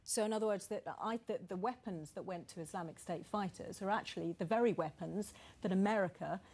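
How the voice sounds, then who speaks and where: A woman's voice: mid-range voice, brisk, a little mellow. A woman moderating a televised debate, putting challenging questions to the guests.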